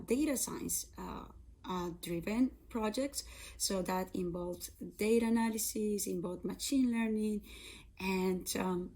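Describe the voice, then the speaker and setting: With a medium-pitched, slightly mellow voice, a software engineer and data scientist from Colombia, in her thirties, talks earnestly about her career. Her Colombian Spanish accent comes with many fillers and restarts.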